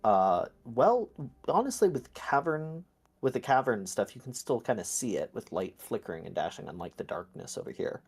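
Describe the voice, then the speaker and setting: A man's voice: medium pitch, very animated, normal speed, a little mellow, slightly rough. A man narrating as game master in a tabletop game, easygoing and descriptive.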